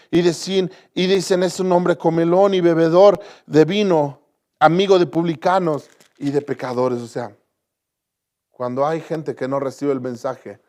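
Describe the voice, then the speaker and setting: High-voiced man preaching a sermon. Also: darkish tone. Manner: earnest preaching with repeated phrases and restarts. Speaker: pastor. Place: church.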